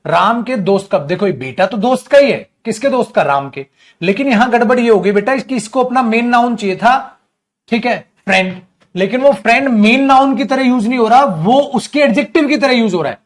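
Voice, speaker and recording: A man teaching English grammar in an online coaching class, lively, calling students "beta" and answering his own questions. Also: very high voice, fairly quick.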